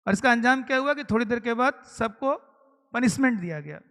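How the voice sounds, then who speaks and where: A man's voice: very high-pitched, expressive, fairly quick, fairly bright tone. A man from eastern India training teachers, explaining step by step and asking the audience rhetorical questions. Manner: explanatory, asks rhetorical questions, mixes English terms. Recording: long hall reverb.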